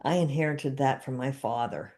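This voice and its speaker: A woman in her seventies, a therapist who hosts a podcast, chats casually and repeats guided phrases after her guest. Her bass voice is slightly mellow and moves at a normal speed.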